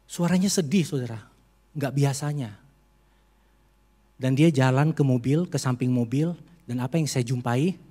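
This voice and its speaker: A man's voice: medium pitch, measured pace, pauses often, mellow, big-room sound. A male pastor preaching a heartfelt sermon in a church, telling a personal story to his congregation. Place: church sanctuary during a service.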